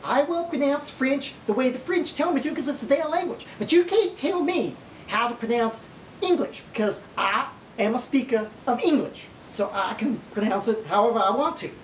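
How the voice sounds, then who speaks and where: A woman putting on a proud, folksy Oklahoma woman who lectures in an emphatic, drawn-out Okie accent. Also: lively intonation, lightly acted. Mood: proud, explanatory. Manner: slow drawn-out drawl, emphatic. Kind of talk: mock lecture on dialect. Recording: roomy, distant mic, faint rumbling noise.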